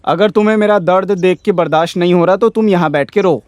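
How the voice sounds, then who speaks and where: A man's voice: high-pitched, quick pace, dry recording, clean studio sound, close to an everyday voice. A man dubbing a stubborn, defiant old village patriarch in a film. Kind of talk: Hindi film dub.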